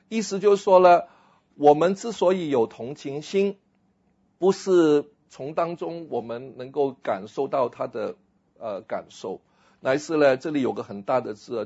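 A male pastor lectures with a husky, slightly raised voice, acting out small scenes as he explains a text. He often drops English phrases into his talk. The recording sounds dull and a bit lo-fi. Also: on the high side. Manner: animated, acts out little scenes and mixes in English phrases.

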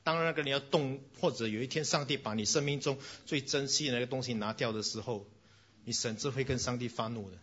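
A man preaches a sermon with a bright, forceful delivery. His voice is husky, and the recording sounds dull and lo-fi. He tells animated stories and mixes in bits of English. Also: medium pitch, fast talker. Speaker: pastor.

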